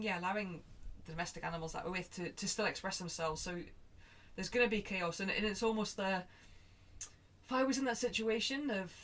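A woman's voice: lowish voice, a bit bright. A woman, speaking as a guest in a reflective conversation, thinking aloud with restarts and quoted asides. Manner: acts out her own thoughts in quoted asides.

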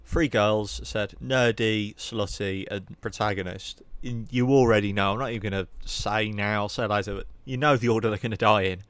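A man's voice: lowish voice, fairly even intonation, normal speed, few pauses, a bit bright, clean tone, dry recording. A young man, by the sound of his talk, reviewing a horror sequel in a casual chat, candid and rambling, swearing now and then. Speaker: podcast co-host.

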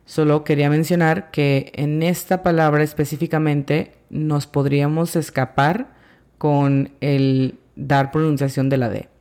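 A patient language teacher speaking at an unhurried, deliberate pace in a middle-range voice. Words get spelled out sound by sound, and each example phrase is repeated slowly so it can be practiced. It sounds like a calm podcast lesson. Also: mid-range voice. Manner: slow and careful, spells out sounds letter by letter. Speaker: English teacher.

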